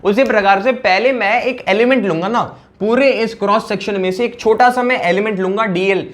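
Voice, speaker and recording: High-voiced man teaching physics. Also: brisk, fairly bright tone. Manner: conversational, repeats phrases, asks "yes or no?" often. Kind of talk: classroom lecture.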